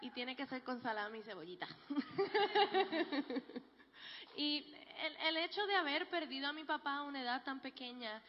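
A woman's voice: high voice, lively intonation, a little slow, background noise. Joking woman in a reverberant hall. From Puerto Rico. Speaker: guest speaker giving a testimony. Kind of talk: church testimony. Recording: dull, echoey large hall.

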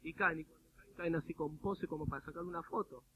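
A man preaching a sermon with an Argentine accent, animated and humorous, often mimicking people in little quoted bits. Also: on the high side, fast talker. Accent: Argentine Spanish. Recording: phone-like radio broadcast with faint noise.

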